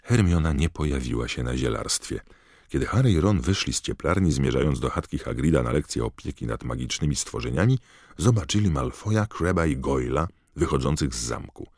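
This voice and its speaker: A man reading an audiobook aloud in steady, even storytelling narration. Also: rumbling low, a little fast, vocal fry, no echo, clean studio sound. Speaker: audiobook reader. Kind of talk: scripted narration.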